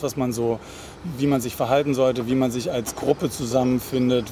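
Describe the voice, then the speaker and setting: A man's voice: mid-range voice, dark tone, slight background noise. A man giving a casual personal account, loosely searching for words.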